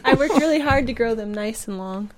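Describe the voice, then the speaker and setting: A woman's voice: on the high side, expressive, brisk, a little hiss or hum. A woman guest on a comedy podcast, bantering playfully and giggling with the hosts. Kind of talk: casual comedy chat.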